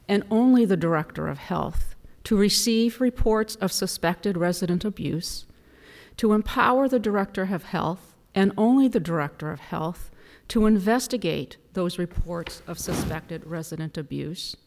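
A woman attorney delivering a formal oral argument to a court in a deliberate, emphatic manner. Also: mid-range voice, darkish tone. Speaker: appellate attorney. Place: large courtroom. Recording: reverberant hall.

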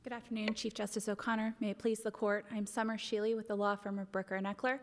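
A woman's voice: mid-range voice, level tone, fast. A woman attorney making a formal presentation to a court. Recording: echoey hall.

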